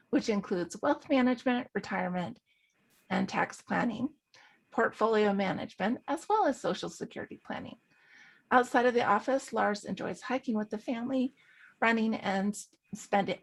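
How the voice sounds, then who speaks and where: A woman's voice: mid-range voice, creaky, slightly rough. A woman hosting a webinar, reading formal legal housekeeping and a guest introduction from a script, with a few slips and restarts. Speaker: webinar director and host.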